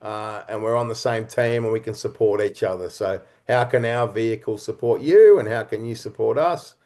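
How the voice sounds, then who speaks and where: A writer-director and actor, interviewed as a guest, has a warm, lowish voice. He reflects earnestly on his creative work, speaking in conversational phrases that often halt.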